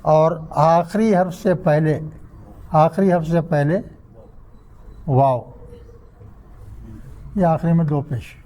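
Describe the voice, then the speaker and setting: Older male teacher, slightly high, mellow voice. Quizzes the class and spells out patterns syllable by syllable. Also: pauses often, poor audio. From India. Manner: asks the class questions and drills word patterns syllable by syllable. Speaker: Arabic grammar teacher. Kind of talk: classroom lecture. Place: mosque classroom.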